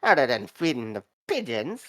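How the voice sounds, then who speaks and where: A woman's voice: extremely low pitch, very animated, moderate pace, a bit bright, pitched below the performer's own voice, heavily acted. A woman voicing a grumpy, cranky old man with a Scottish accent for a video game character. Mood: smug, gruff. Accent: put-on Scottish. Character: grumpy, insolent-hating rich old man who feeds pigeons.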